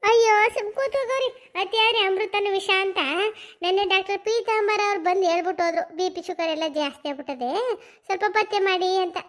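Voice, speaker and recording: A greedy old mother-in-law, put on by a woman for a cartoon comedy. She whines and grumbles in a high voice, pleading for a taste of forbidden food. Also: a little fast, fairly bright tone. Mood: grumbling pleading. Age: older. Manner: whiny, complaining and pleading.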